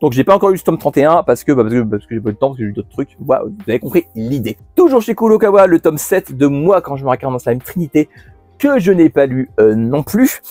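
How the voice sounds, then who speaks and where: A man runs through his monthly manga purchases in a relaxed, chatty way, full of fillers and restarts. His pitch moves around a lot. The sound is dry and close, with faint music underneath. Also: fast talker, no echo. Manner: chatty, many fillers and restarts, laughs at himself. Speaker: manga channel host. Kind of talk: casual monthly haul video.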